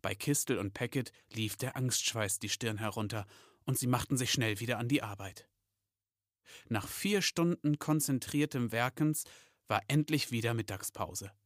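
A man's voice: medium pitch, normal speed, no room sound. A man narrating a storybook, dry.

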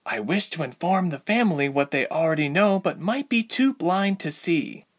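A man's voice: fairly high pitch, lively intonation, moderate pace, fairly bright tone, breathy edge, voice pushed up. A man reading aloud, voicing a young mermaid heroine who speaks coldly and insistently in a raised voice. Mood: icy, insistent. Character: young mermaid woman, icy and determined.

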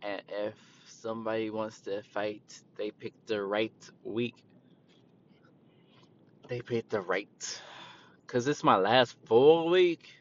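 A man's voice: takes it slowly, long pauses. A man in casual storytelling mode ranting about his retail job in a profane, laid-back way. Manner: profane, laid-back, quotes people in a raised voice. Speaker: retail worker. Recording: dull lo-fi with vehicle rumble.

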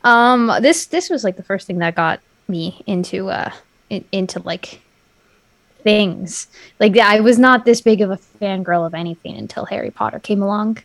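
A woman's voice: medium pitch, normal speed, no room sound. A young woman co-hosting a casual podcast, playful and gushing as a devoted fan, with jokey asides. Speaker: podcast co-host. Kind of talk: casual chat.

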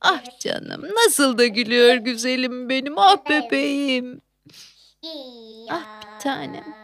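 A woman's voice: sits high, fairly bright tone, full character voice. Woman playing a frantic young working mother. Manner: frantic, exclaiming, coos to a baby. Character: flustered young working mother, factory worker. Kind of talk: theatrical monologue.

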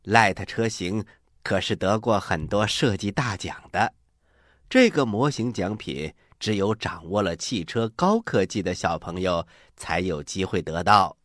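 A man's voice: low-pitched, unhurried, fairly bright tone, no room sound, clean studio sound. A man hosting and narrating a scripted children's story in a theatrical, encouraging, avuncular way. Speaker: storytelling host.

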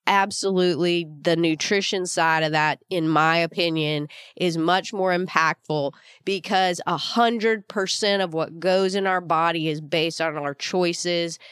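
A woman's voice: on the low side, fairly even intonation, measured pace, hardly any pauses, fairly bright tone, smooth, no echo, studio quality. A woman with a slightly groggy voice hosting a solo podcast, explaining informally and coaching listeners with rhetorical questions. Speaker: podcast host.

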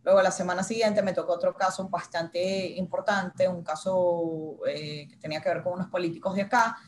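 A woman in her thirties, a journalist, telling her own career story as an interview guest and acting out her inner dialogue with animated quoted lines. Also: fairly low pitch, moderate pace, a little hiss or hum. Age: 30s.

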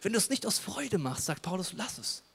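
A man preaching a lively sermon as pastor, colloquial and playful, with casual asides to the congregation. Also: sits high, a little fast, vocal fry, slightly rough.

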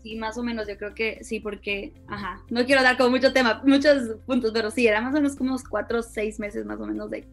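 A young woman from Ecuador in her twenties, a youth pastor, speaking warmly and earnestly as a podcast guest. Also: fairly high pitch, steady tone, fast talker, few pauses, soft background music. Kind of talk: interview conversation.

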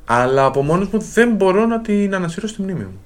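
A man's voice: sits high, very animated. A man in his twenties in casual chat as a podcast co-host, reflective and self-doubting, with hesitant restarts. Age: 20s.

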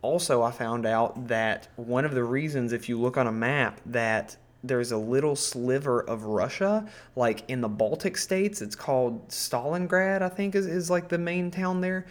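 A man's voice: mid-range voice, a little slow, hardly any pauses. A man hosting a podcast, explaining history in a casual, rambling way, full of ums, restarts and swearing. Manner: rambling, profane, full of ums and self-corrections. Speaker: podcast host.

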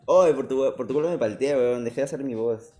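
A man's voice: medium pitch, dark tone, faint music behind. A young man, co-hosting a podcast in casual, slangy chat, often laughing. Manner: fast, slangy and laughing, slips into put-on voices. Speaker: podcast co-host.

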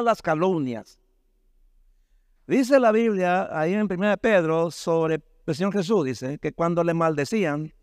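A male pastor preaching a sermon, often calling his listeners "brother" and asking them "right?", his pitch swinging sharply up and down. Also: no room sound, studio quality. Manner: preaching with sudden rises and drops in pitch, many rhetorical tag questions.

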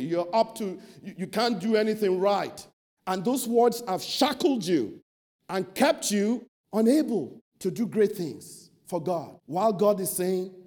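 High, mellow-voiced man preaching. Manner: emphatic preaching with rhetorical questions and lists. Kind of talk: sermon.

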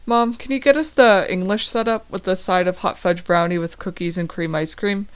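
A cheerful, joking teenage boy with magic powers speaks in a homemade read-aloud story, voiced by a woman. The voice stays light and friendly, close to a plain reading voice on the low side. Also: normal speed, clear, resonant tone, close to an everyday voice.

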